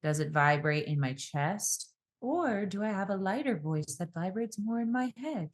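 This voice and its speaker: Here a woman, calm and contemplative, talks on a podcast as a guest and speaking coach. Her voice slows and changes in pitch and pace as she demonstrates.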